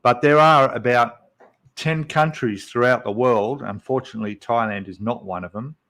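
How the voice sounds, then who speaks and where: A man's voice: mid-range voice, normal speed, fairly bright tone. A man, hosting a casual livestream and chatting with viewers in a rambling way with many fillers. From Australia. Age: 50s. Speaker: livestream host.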